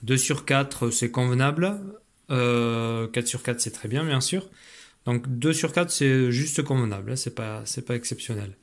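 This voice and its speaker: A man's voice: mid-range voice, measured pace. A man teaching, patiently explaining phonics exercises to parents, with frequent fillers and restarts.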